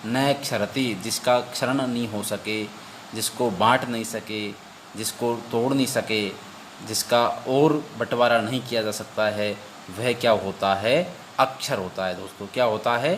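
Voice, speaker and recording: A man teaching an exam-prep lesson. He recites verses slowly and repeats each point as a question he then answers. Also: medium pitch, steady tone, a bit bright, a little hiss or hum.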